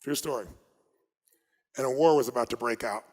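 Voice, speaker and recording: A man speaking as a motivational speaker, telling stories at a live seminar in an emphatic way that swings from loud urging to hushed asides. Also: mid-range voice, normal speed, in a large hall.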